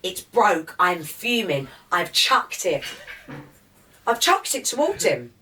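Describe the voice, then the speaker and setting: A woman's voice: fairly low pitch, sing-song, slow, sharp tone, far from the mic, slight background noise. A woman with an Essex accent, a podcast guest, retelling events in a fired-up, swearing, present-tense way. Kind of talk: casual interview, recounting events.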